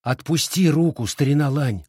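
A man doing a shrill, excitable village girl. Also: moderate pace, no echo, studio quality. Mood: agitated. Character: bold teasing village girl, quick-tempered.

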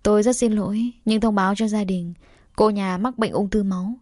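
A woman voicing a gentle, apologetic middle-aged male doctor in an audio story, soft and measured. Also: medium pitch, fairly even intonation, no room sound, clean studio sound, close to an everyday voice. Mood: grave.

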